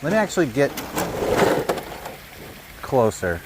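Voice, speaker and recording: Man vlogging outdoors in low sample rate audio. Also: wildly swooping pitch, slow pace. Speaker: RC crawler hobbyist host. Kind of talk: casual outdoor vlog narration. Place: outdoors on a trail. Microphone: camera on neck mount, no external mic. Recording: low-fidelity outdoor audio, faint background noise.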